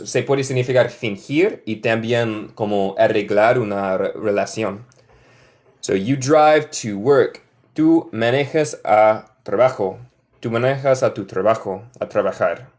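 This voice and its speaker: Slow, deliberate Northern US male teacher. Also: fairly low pitch. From Michigan, United States. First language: English. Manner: slow and deliberate, repeats example sentences, thanks viewers by name. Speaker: English teacher. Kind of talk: live online language lesson, mixing Spanish and English.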